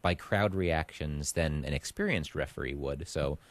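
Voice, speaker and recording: A man's voice: very deep voice, moderate pace, no room sound. A man co-hosting a casual sports podcast, calling picks in a confident, matter-of-fact way. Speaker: podcast co-host.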